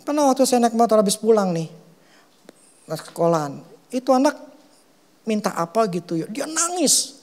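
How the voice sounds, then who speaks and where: A middle-aged man with an Indonesian accent, a pastor preaching a sermon, telling stories with loud and hushed stretches. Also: sits high, moderate pace, long pauses. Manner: animated storytelling, swings from loud to hushed.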